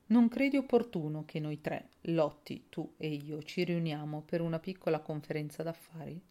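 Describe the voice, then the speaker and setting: A woman reading an audiobook and voicing a determined, businesslike young woman who speaks firmly and in a measured way, with a low, gravelly voice. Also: warm tone.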